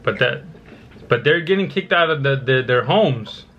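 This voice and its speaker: A man talks earnestly and directly, pushing back with question after question. His voice sits in a middle pitch. The webcam audio is dull and lo-fi. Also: animated, normal speed, a bit bright, slight background noise. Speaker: YouTuber chatting with strangers on video chat. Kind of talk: casual vlog intro and debate.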